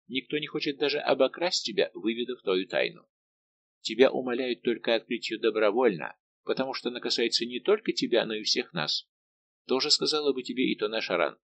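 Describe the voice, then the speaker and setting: A quick-witted young court lady presses her friend with teasing, persistent questions, voiced by a man reading an audiobook. Her tone is mid-range and gravelly, and a faint hiss sits in the background. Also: mid-range voice, expressive, a bit bright, dull audio. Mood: insistent. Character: lively, insistent young female court maid of honour.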